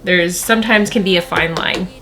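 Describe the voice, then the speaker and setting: A woman's voice: fairly low pitch, moderate pace, pushed and bright. A woman talking through a makeup tutorial in a chatty, casual way, often repeating words for emphasis, with faint music behind her. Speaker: beauty vlogger.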